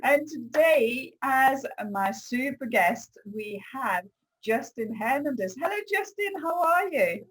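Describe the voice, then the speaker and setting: A woman with a French accent hosting a casual video-call interview, bubbly and quick to laugh. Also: high-pitched, expressive, fairly bright tone, husky, low-quality recording. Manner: bubbly, laughs often, exclamatory. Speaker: interview host.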